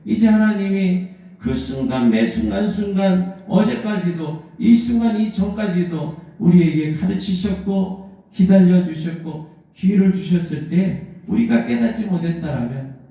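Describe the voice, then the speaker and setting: In an echoey church sanctuary, a male pastor unhurriedly delivers a Sunday sermon, recounting the story and acting out what its figures say. His voice is high yet dark in tone, and quite expressive.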